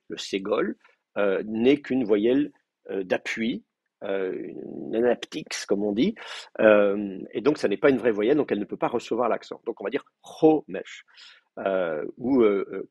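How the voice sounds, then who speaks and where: A man's voice: on the low side, vocal fry, slightly rough, no echo. A man lecturing to a class, explaining terms patiently and thinking aloud with frequent hesitations. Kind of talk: university lecture.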